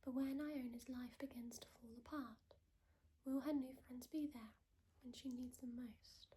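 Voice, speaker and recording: A woman in a whispered role-play as a gentle, helpful librarian, speaking in a soft, unhurried library whisper. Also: high-pitched, steady tone, slight background noise. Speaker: ASMR creator playing a librarian.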